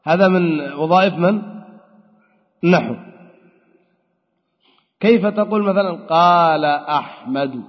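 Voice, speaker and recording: A man lectures on Arabic grammar in a classroom, working through it step by step and raising questions he then answers. His voice is a little high and unhurried, and he pauses often. Captured in a lecture hall, the audio is dull and echoes at length.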